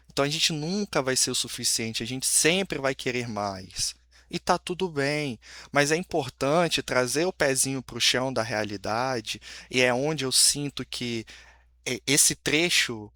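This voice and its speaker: A man's voice: mid-range voice, bright, forceful tone, no room sound, studio quality. A Brazilian man with a Brazilian Portuguese accent giving casual, reflective commentary to his channel, swearing freely and correcting himself as he talks. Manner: informal, swearing, self-correcting. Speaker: video creator.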